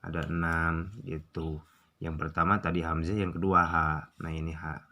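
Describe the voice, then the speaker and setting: A young man with a Sundanese accent, teaching Quran recitation rules in a casual tutorial, drawing out examples slowly and asking and answering his own questions. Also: deep voice, flat delivery, sharp tone.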